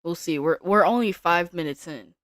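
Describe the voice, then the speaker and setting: A woman day trader giving casual live-stream commentary from her home desk, thinking aloud in a relaxed way with small restarts. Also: on the low side, moderate pace, no echo, studio quality.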